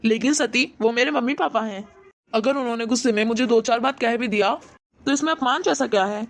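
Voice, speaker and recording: A woman's voice: a little high, brisk, natural voice. A woman voicing a meek, idle young husband in a cartoon story, pleading and defending himself. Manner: pleading, defensive, soft-spoken. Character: idle grown son and husband, meek and apologetic. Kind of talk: animated cartoon voice acting.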